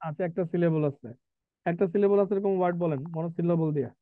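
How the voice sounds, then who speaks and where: High-voiced male teacher on a tinny line. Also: dry recording. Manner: asks students questions, reads definitions slowly. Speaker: English vocabulary teacher. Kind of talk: live class lecture mixing Bengali and English.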